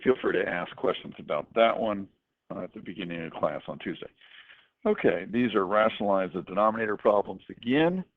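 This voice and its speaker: A man teaching math, working through problems step by step with casual asides. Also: deep voice. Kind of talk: worked-example math lesson. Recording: tinny lo-fi recording with faint noise.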